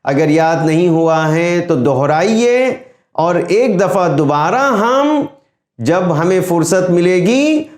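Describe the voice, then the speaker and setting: A man with a high voice gives a tajweed pronunciation lesson in Urdu-accented speech. He demonstrates letter sounds slowly and deliberately, with a roomy echo around him. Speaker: Quran teacher. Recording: echoey room.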